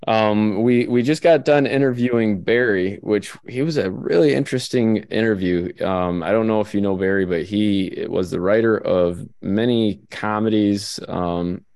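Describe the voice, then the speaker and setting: Midwestern male podcast host, very low voice, dry close sound, joking and rambling. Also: moderate pace, creaky, hardly any pauses, a little mellow, clear, resonant tone, no room sound. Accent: Midwestern American. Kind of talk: casual podcast chat.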